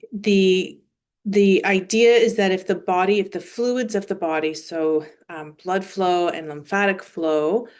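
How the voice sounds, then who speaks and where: A woman's voice: mid-range voice, steady tone, a little slow, darkish tone. A woman in her forties, an osteopathic manual therapist, giving a screen-shared presentation and explaining with everyday comparisons and some fillers.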